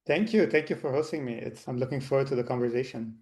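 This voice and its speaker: A man in his thirties, from Lebanon, talks through his answers as a physician guest. His voice sits at a middle pitch. He restarts sentences and repeats words as he thinks aloud. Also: fast, a little mellow. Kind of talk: interview answers.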